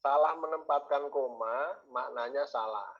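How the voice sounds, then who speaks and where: A husky-voiced man lectures a class, repeating key words and turning to his students with questions. The recording sounds dull and lo-fi. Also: medium pitch, unhurried. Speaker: university lecturer.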